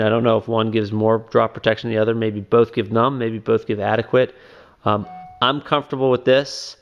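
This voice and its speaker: A man giving a casual video review of phone cases, talking in a halting way with many ums and restarts. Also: mid-range voice, creaky. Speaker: product reviewer. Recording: dull lo-fi home video sound.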